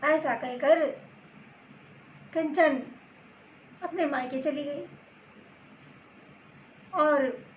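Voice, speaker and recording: A woman telling a story to her channel's viewers in gentle, halting phrases, with roomy echo and faint background noise. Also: high-pitched, lo-fi sound. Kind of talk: storytelling narration.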